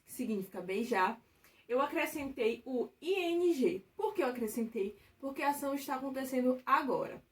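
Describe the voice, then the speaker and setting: A woman's voice: high-pitched, darkish tone, recorded from a distance. A woman teaching a recorded grammar lesson, explaining step by step and checking in with the listener often. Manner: patient, step-by-step explaining with frequent check-ins. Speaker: English teacher.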